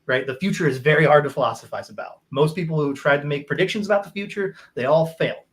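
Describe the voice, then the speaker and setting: A man's voice: a little high, quick pace, fairly bright tone. A man, a guest author, explaining his ideas in conversation, rambling with restarts and checking in with "right?".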